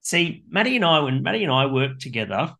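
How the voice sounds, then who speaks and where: A man's voice: fairly high pitch, sing-song, a little fast, bright, forceful tone. A man with an Australian accent co-hosting a casual beer chat in a colloquial, matey way. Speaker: beer show co-host, brewer.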